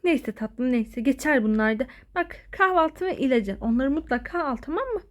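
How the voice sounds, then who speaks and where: A woman's voice: high-pitched, lively intonation, moderate pace. A woman voicing a female asylum doctor who talks down to her patient with sweet endearments. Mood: patronizing. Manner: patronizing, soothing endearments.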